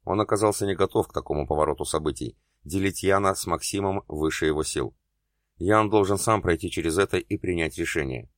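A man reading an erotic novel aloud as an audiobook narrator, in a steady, even way. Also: deep voice, fairly quick, no room sound, studio quality.

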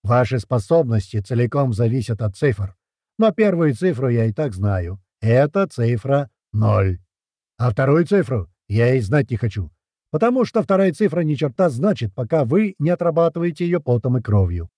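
A man voicing a gruff male drill-sergeant instructor who barks commands in a booming voice. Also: big pitch swings, moderate pace, dark tone, no echo, clean studio sound. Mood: stern.

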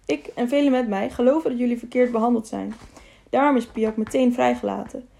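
A woman's voice: on the high side, fairly even intonation, brisk, vocal fry, mellow, a little hiss or hum. A woman reading the part of a stern, honest older male councillor who speaks firmly and with authority. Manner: firm, commanding.

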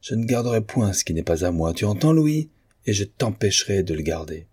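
A man's voice: fairly low pitch, lively intonation, brisk, darkish tone, breathy edge, dry recording, studio quality. A man voicing an earnest, principled man in an audiobook of a novel, pleading and stern.

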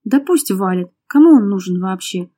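A defiant young woman, sharp-tongued and raised, pleading then snapping back, as a woman reader voices her. The voice is mellow and warm. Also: mid-range voice, lively intonation, normal speed, close to an everyday voice. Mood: heated.

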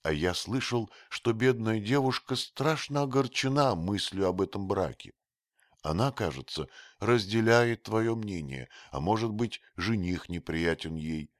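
A man voicing a timid, gentle youth with a high, soft boyish voice in a read-aloud story. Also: expressive, unhurried, no echo, clean studio sound. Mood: pleading. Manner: pleading, teasing.

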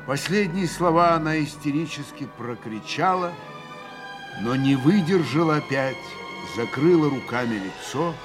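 A man's voice: fairly high pitch, animated, a little slow, music in the background. A man narrating a literary text in a dramatic, theatrical reading. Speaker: reader.

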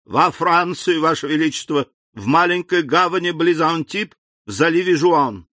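A man's voice: on the high side, lively intonation, normal speed, bright, forceful tone, no echo, voice pushed up. A man voicing a panicked, groveling police minister who stammers and pleads before his king. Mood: pleading, panicked.

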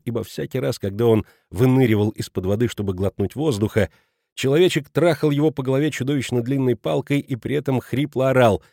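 A man narrating a literary audiobook in an even, measured reading. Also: fairly low pitch, dry recording, studio quality.

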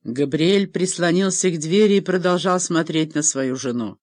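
A woman narrating an audiobook in an expressive storytelling manner. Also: lowish voice, normal speed, no echo, clean studio sound. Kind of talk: scripted narration.

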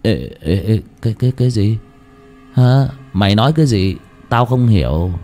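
A man voicing a drunk, belligerent village man who shouts and stammers with slurred speech. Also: on the low side, expressive, moderate pace, faint music behind, close to an everyday voice. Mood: confused.

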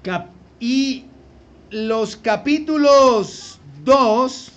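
A man's voice: very high voice, very slow. A man preaching a sermon as a pastor, talking animatedly with rhetorical questions and acted-out voices. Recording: slightly dull lo-fi sound with faint noise.

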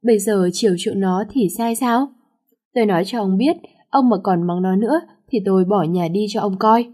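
A doting middle-aged mother pleads in her daughter's defense, read by a woman narrator. The tone is mellow and warm. The storybook delivery stays plain. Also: medium pitch, normal speed, lightly acted. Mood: defensive.

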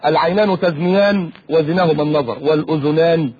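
A man with an Egyptian accent preaching on the radio in an animated way, often mimicking other people's voices. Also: fairly high pitch. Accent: Egyptian Arabic. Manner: rapid, animated, mimics voices mid-talk. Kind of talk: lively preaching talk. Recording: dull lo-fi radio recording.

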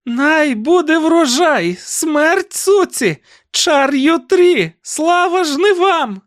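A man voicing a vengeful old woman who screeches shrill, frenzied curses. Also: lively intonation, drawn-out words, a bit bright, no room sound, studio quality, exaggerated voice. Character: shrieking vengeful old woman, spiteful aunt.

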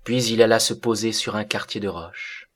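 A man narrating a classic novel as an audiobook in a measured, deliberate reading. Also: on the low side, steady tone.

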